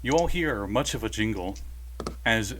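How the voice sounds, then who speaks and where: A man's voice: fairly low pitch, expressive, measured pace, noisy background. A man narrating a casual tabletop game as game master, playfully slipping into rhyming couplets.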